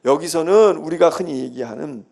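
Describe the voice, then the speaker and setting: A man's voice: a little high, normal speed, gravelly, a little mellow. A male senior pastor giving a sermon-style Bible lecture in a church, conversational and emphatic, repeating his key phrases.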